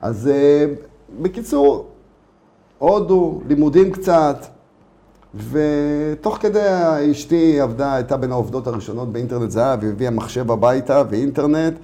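Israeli accent, middle-aged man, soft dark timbre, casual interview, repetitive informal storytelling. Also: medium pitch. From Israel, immigrated from Latvia at age four. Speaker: interview guest, startup founder.

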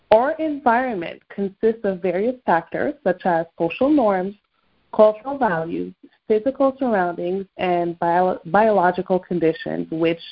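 A native French speaker from Quebec, Canada, with a Québécois accent hosts an upbeat morning motivational call, coaching her listeners. Her voice sits in the mid range, and the recording sounds muffled.

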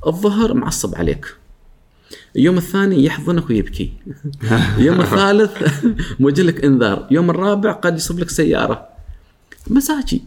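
A man, a guest speaker on workplace etiquette, talking in a lively way, acting out coworkers' lines and often laughing. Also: on the high side, brisk, vocal fry, pauses often. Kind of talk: animated talk show chat.

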